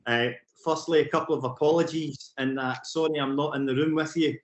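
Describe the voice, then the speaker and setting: A middle-aged youth work programme director from Glasgow, Scotland, gives a conference presentation remotely over a video call, away from the venue. His fairly high voice comes through with a roomy sound, and his delivery is fast and excitable, full of fillers and restarts.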